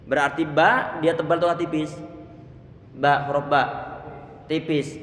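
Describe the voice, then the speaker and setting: A man's voice: a little high, level tone, measured pace, a bit bright, a little hiss or hum. A middle-aged man teaching Quran recitation, modelling letter sounds and stopping often to check that his student follows. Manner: frequent restarts on words. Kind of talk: tajwid lesson explaining letter sounds. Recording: echoey room with long reverb.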